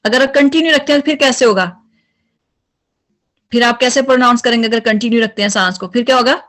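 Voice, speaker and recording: A woman's voice: a little high, fast, fairly bright tone. A woman teaching Quran recitation in an online lesson, repeating letter sounds over and over as drills.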